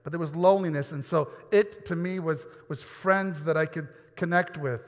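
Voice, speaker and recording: A New York pastor delivers an earnest personal testimony sermon in church, often repeating words as he goes. His voice is fairly high at normal speed, and the recording sounds dull with long hall reverb.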